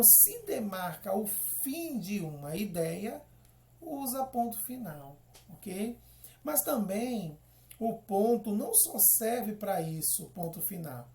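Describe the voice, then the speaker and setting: A woman's voice: mid-range voice, warm tone, roomy sound. A woman teaching a lesson, explaining step by step and checking in often with the class.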